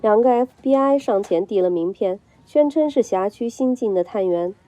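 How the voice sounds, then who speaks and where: A woman narrating a film recap in a brisk storytelling delivery, reading a script. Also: medium pitch, animated, mellow.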